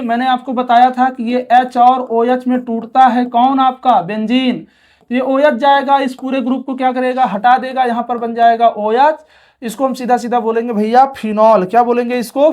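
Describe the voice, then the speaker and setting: A man's voice: very high voice, a little mellow. A male chemistry teacher giving an exam-prep lecture who asks questions aloud, answers them himself, repeats key terms and keeps urging students to pay attention. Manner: repeats key terms several times over.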